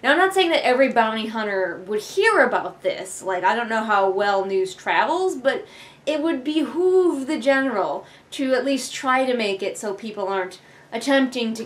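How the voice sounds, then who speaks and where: Sitting on her living room couch a few feet from the camera, a young book reviewer reads along and gives rambling, sarcastic commentary with casual swearing. Her voice is animated, a little high and moderately paced, and the camera audio is noisy.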